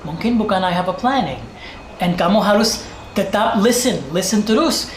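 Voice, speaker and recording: A woman's voice: medium pitch, expressive, normal speed. A woman with an American accent, a native English speaker speaking Indonesian as a foreigner and mixing in English, teaching in a casual, emphatic tutorial style with repeated example phrases. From United States. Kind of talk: casual tutorial for online video. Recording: roomy echo, faint background noise.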